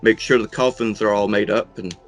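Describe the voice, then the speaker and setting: A middle-aged man in a casual interview, talking in an unhurried, folksy way with dry humour, as a horror host. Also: on the low side, steady tone, soft background music. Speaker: horror host and monster museum owner being interviewed.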